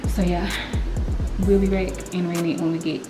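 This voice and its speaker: A young woman vlogger chats casually to viewers while cooking in her home kitchen, talking straight to them in a loose, informal way. Her voice is on the low side, flat and moderately paced, picked up by a camera mic as a helper films, with background music underneath.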